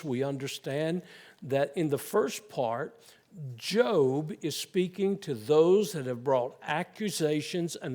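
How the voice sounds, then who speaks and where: Slow, animated preacher. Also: male voice, a little high. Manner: animated preaching with sarcastic quoted asides. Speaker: pastor. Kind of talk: sermon. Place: church.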